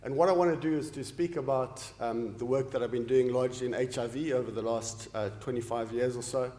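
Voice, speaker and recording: A man's voice: medium pitch, fairly even intonation, a little fast, dark tone. Earnest man lecturing in an echoey hall. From Zimbabwe. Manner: earnest, with frequent ums and restarts. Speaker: professor giving an inaugural lecture. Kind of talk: formal academic lecture. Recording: echoey hall with long reverb.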